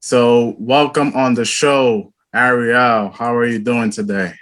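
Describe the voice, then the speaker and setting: A man hosting a podcast, introducing his guest in plain, measured talk with a few restarts. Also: mid-range voice, steady tone, a bit bright. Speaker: podcast host. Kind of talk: casual podcast interview.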